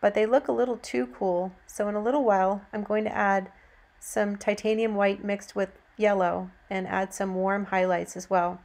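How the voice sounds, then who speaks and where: Female painting teacher, mid-pitched, gentle and encouraging, narrating a step-by-step demo. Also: steady tone, normal speed, gravelly. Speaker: painting instructor. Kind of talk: instructional demonstration narration.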